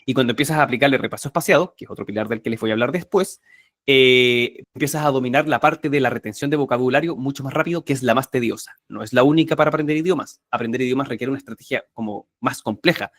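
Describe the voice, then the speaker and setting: A man teaching a live online workshop on memorization techniques, emphatic and energetic, often repeating key words. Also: medium pitch, fast, no room sound, clean studio sound.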